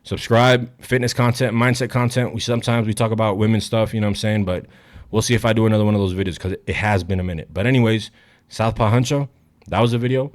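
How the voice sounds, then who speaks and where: A man's voice: fairly low pitch, fairly even intonation, fast. A young man coaching fitness straight to camera, blunt, hyped and full of swearing, somewhat out of breath. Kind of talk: direct-to-camera fitness vlog.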